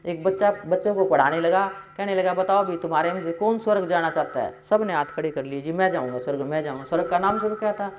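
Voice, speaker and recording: A woman's voice: fairly low pitch, fast, few pauses, a little hiss or hum. A woman giving a devotional sermon, telling homely stories in an earnest, folksy way. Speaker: satsang preacher. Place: ashram hall. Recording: roomy hall echo.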